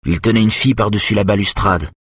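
A man's voice: lowish voice, quick pace, slightly rough, no room sound, studio quality, voice pushed up. A man voicing an anxious, embarrassed teenage son who answers his mother curtly. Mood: uneasy. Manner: curt, pleading.

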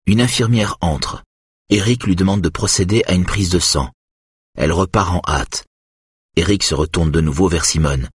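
A man reading a suspense novel aloud in measured, even narration. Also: sits low, breathy edge, no echo, studio quality. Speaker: audiobook narrator. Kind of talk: scripted narration.

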